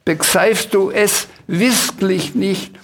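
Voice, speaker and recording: A man reading aloud and voicing a small, anxious blue dragon who cannot pronounce the letter R, speaking slowly and plaintively. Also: a little high, fairly even intonation, vocal fry, slight background noise. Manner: slow, plaintive, can't pronounce R.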